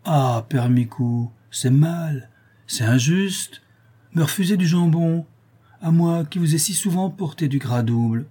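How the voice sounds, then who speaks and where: A mocking young jailbird speaks in a lifted, teasing voice, as a male narrator puts him on. His husky, darkish tone stays wheedling and sly from line to line. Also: a little high, lively intonation, a little slow, dark tone, pitched above the performer's own voice. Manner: taunting, sing-song and wheedling. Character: sardonic young male criminal, mocking and bullying. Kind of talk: audiobook character voice.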